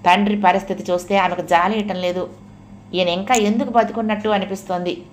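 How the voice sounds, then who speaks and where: A woman narrating a family novel in a steady, measured storytelling manner. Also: mid-range voice, a little hiss or hum. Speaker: audiobook narrator. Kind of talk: scripted narration.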